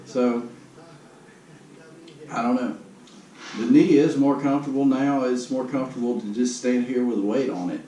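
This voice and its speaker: A man's voice: mid-range voice, moderate pace, long pauses, mellow. A man giving a casual video update in a downbeat, resigned, matter-of-fact way. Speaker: vlogger giving a personal health update. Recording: roomy, noisy, distant camera microphone.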